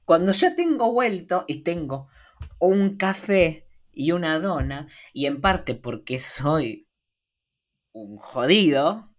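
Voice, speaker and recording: Woman, Rioplatense Spanish accent, low-ish voice, very lively pitch, casual podcast storytelling, self-mocking. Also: takes it slowly. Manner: animated, acts out both sides of dialogue, self-mocking. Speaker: podcast co-host. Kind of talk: casual anecdote telling.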